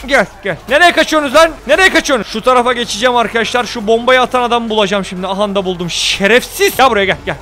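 A young man narrates his strategy game with a high, fast delivery, firing slangy jokes at the viewers. He keeps barking orders at his troops as battles swing his way. His tone is bright and sharp, pushing hard through every line. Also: soft background music. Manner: excitable, shouts at troops, slangy banter. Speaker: gaming YouTuber. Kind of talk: gameplay commentary.

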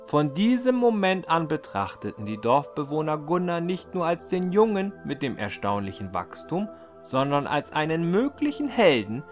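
Reading a fairy tale aloud, a man performs as a storyteller at a fairly high pitch, his scripted delivery expressive and deliberate like a storybook.

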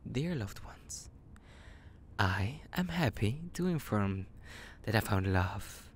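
Playing a psychotic, possessive young kidnapper in an intimate audio roleplay, a man coos menacingly in half whispers, breaking into creepy giggles. He sounds smug and elated, his lowish voice swinging widely in pitch at a slow pace. There's slight background noise.

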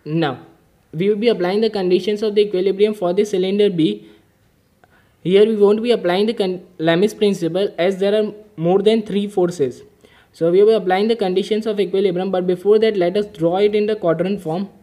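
A man's voice: sits high, steady tone, brisk, dark tone. A man explaining an engineering mechanics problem step by step while drawing diagrams, methodical and patient. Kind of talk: whiteboard-style problem-solving lesson.

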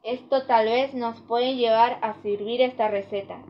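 A woman's voice: on the high side, fairly even intonation, measured pace. A woman with an Argentine accent presenting a simple home cooking demonstration in a sing-song, welcoming manner. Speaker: video channel host. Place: home kitchen and living room, indoors. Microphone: handheld camera or phone microphone. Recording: dull lo-fi home recording with noise.

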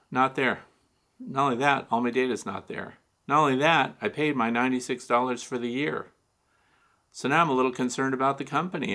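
Gravelly older man hosting a beekeeping show. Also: medium pitch, pushed and bright. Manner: conversational, frequent "uh" fillers, wry asides. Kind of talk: casual advice talk to camera. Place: small home studio with shelves and neon sign.

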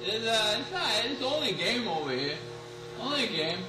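A man's voice: high-pitched, sing-song, fairly quick, over music. A man voicing a brash, trash-talking New York tough guy while playing a video game, with a put-on New York accent, laughing and mocking his rivals. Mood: gloating. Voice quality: laughs a lot, calls rivals mooks and goombas. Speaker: gamer. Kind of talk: trash talk over game voice chat. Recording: echoey, distant mic, clear noise.

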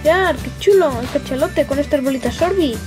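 Female kids' toy channel host, very high voice, sing-song and enthusiastic, music underneath. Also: fairly quick. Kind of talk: toy unboxing for children.

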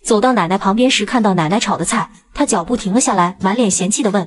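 A woman narrating a cartoon story in a brisk, dramatic storytelling way. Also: mid-range voice.

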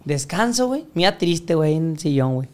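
A man's voice: fairly high pitch, sing-song, a little fast. Young man, Mexican accent, podcast guest, crude and profane, acts out quoted voices. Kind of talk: casual storytelling interview.

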